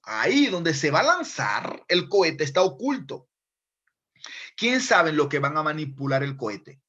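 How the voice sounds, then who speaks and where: A man delivers a sermon in a fairly high voice. He acts out little dialogues and moves between loud emphatic bursts and hushed, prayerful passages. The recording sounds dull and lo-fi. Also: very animated, measured pace. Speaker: preacher.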